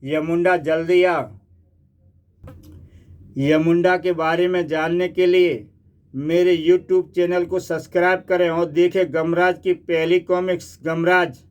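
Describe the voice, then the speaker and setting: Male comic narrator, high and unhurried, measured delivery. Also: level tone, clear, resonant tone.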